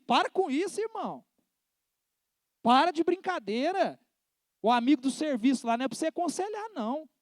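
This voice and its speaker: Male preacher, fairly high voice, dry recording, casual but forceful sermon delivery that questions the congregation. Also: no room sound. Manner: colloquial, emphatic preaching with direct questions to the congregation. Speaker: pastor.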